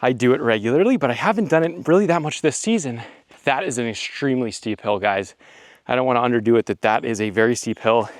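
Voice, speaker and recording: A man's voice: medium pitch, fast talker, dry recording. A man reviewing an electric bike, talking enthusiastically to viewers while riding mountain bike trails outdoors and getting out of breath. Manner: enthusiastic, exclamatory, addresses viewers as guys. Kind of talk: excited ride-along commentary. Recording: outdoor recording with loud wind and riding noise.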